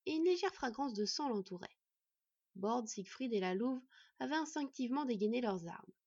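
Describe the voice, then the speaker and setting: Breathy woman narrating a fantasy tale. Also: on the high side, dry recording. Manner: expressive storytelling. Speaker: audiobook reader. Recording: dull lo-fi recording.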